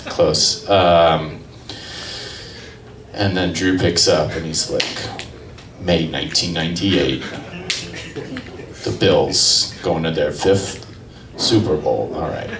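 A man's voice: a bass voice, slow, pauses often, noisy background. A man in his thirties doing rambling, self-deprecating stand-up at an open mic in a small gallery cafe, speaking into a stand mic. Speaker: stand-up comedian. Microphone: handheld mic on stand, far camera. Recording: roomy, from far off.

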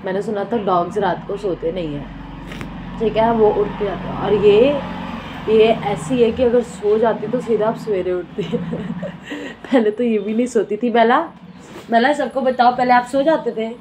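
A woman's voice: medium pitch, a little slow, background noise. A woman vlogging about her pet dog, talking to it in a playful, teasing way with mock scolding and baby talk.

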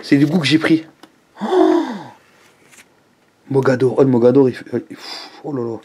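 A man with a medium-pitched, slightly breathy voice talks fast as he reviews food in a casual home vlog. He chats to the camera, full of lively exclamations and little asides to viewers.

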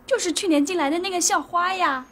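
An actress playing a chatty, teasing young office coworker in a TV drama. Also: female voice, extremely high pitch, quick pace, a bit bright. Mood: gossipy. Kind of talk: TV drama acting.

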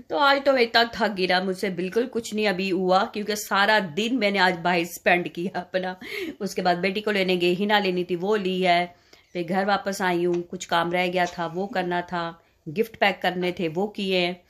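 Bright-voiced playful woman vlogger. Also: lowish voice, fairly even intonation, normal speed. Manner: playful, chatty and teasing. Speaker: family vlogger. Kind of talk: casual vlog chat. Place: at home in a living room.

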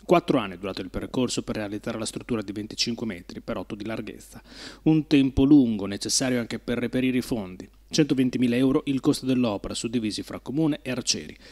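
A man reading a scripted local news voice-over in a brisk, even delivery. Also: medium pitch. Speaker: news reporter.

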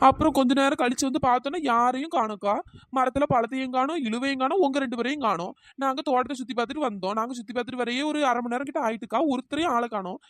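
Cartoon role: woman as a quick-witted village schemer, brisk and persuasive. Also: sits high, no echo, clean studio sound, close to an everyday voice. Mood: scheming. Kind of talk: cartoon storytelling.

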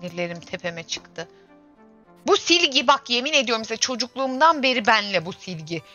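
Young female streamer, 20s, bright voice, chatty and grumbly; lo-fi stream mic. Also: fairly high pitch, very animated, fairly quick. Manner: chatty, exclaims and grumbles to herself while playing. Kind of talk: casual gameplay livestream chat. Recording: dull lo-fi stream audio with faint game music.

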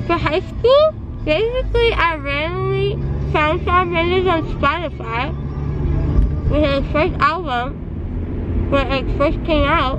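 A woman's voice: high-pitched, muffled recording, very noisy. A woman in her twenties with gauze in her mouth, groggy from anesthesia, rambling through a loopy story in casual chat from a car. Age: 20s. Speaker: vlogger.

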